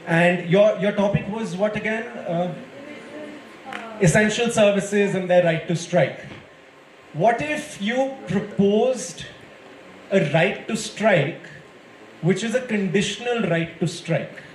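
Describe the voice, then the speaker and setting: A man's voice: high-pitched, slow pace. A man with an Indian accent, judging a debate and giving students encouraging, conversational feedback in an impromptu speech. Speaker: debate judge. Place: indoor school event space with audience. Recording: echoey hall, faint crowd and noise.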